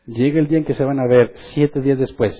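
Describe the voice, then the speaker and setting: A man preaching a sermon in church, lively, and acting out the voices of the people he quotes. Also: mid-range voice, quick pace, muffled recording. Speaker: pastor.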